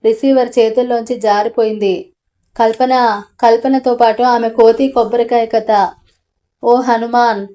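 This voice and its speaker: A woman reads a novel aloud for an audiobook channel. Her voice sits a little higher than most women's. She tells the first-person story and voices the dialogue without changing her tone. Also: steady tone, measured pace, dark tone. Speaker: audiobook narrator.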